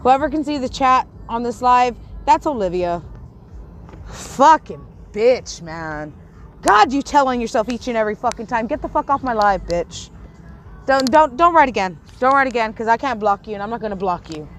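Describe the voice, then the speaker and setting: The speaker, a YouTuber from Texas, stutters and lisps as she angrily tears into her livestream chat, swearing, repeating and restarting lines. Her voice sits on the high side with lively intonation and a moderate pace, over slight background noise.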